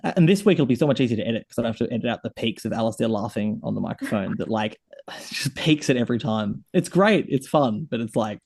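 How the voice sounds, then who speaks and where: Fast-talking man hosting a podcast. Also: mid-range voice, expressive, darkish tone, breathy edge. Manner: chatty, rambling, lots of fillers. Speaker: podcast host. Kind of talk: casual podcast chat.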